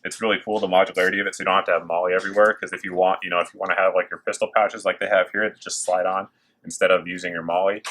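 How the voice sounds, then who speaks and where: This gear review host speaks casually and enthusiastically to camera, showing off products in a working factory. His low voice barely moves in pitch, his pace is racing, and his tone is fairly bright. Machines run and click behind him.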